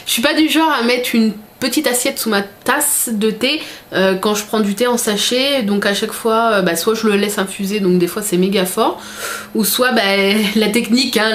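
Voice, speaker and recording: A woman's voice: fairly high pitch, brisk, a little hiss or hum. A young woman in casual vlog chat, unboxing a gift parcel and gushing over each item with lots of fillers. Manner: chatty, gushing, filler-heavy. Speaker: vlogger.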